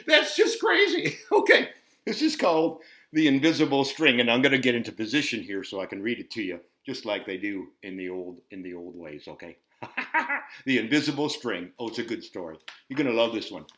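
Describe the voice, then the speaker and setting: A man's voice: medium pitch, big pitch swings, a little fast, fairly bright tone. A man hosting a children's show, chatting playfully with lots of giggles and reading a storybook aloud. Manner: giggly, talks to kids. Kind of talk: playful kids' show chat and read-aloud. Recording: roomy echo, faint music.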